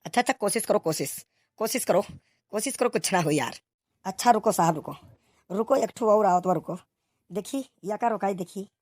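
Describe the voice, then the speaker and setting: At normal speed and medium pitch, a woman with a slightly mellow, natural voice performs bickering village policemen in a comic cartoon. Her grumbling, exclamatory, colloquial banter comes in rustic dialect with an eastern Uttar Pradesh accent, recorded at studio quality with no room sound.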